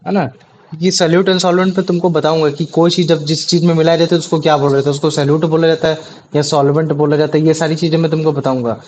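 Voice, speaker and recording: A man's voice: on the high side, level tone, fast, darkish tone, a little hiss or hum. A man teaching a science class, explaining step by step and often checking with his students. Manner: explains with many tag questions. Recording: dull lo-fi audio.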